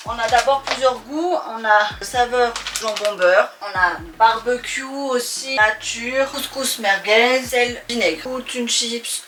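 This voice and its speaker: A woman's voice: medium pitch, sharp tone. A woman hosting a casual, chatty tasting vlog, speaking informally and playfully to her viewers. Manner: informal, playful familiar address with pet names. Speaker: host of a snack-tasting video.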